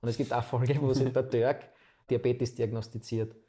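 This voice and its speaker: A man's voice: mid-range voice, a little fast. A man in his twenties with an Austrian accent, telling his own story as a guest in a casual, chatty interview. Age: 20s. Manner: chatty, relaxed anecdotal storytelling.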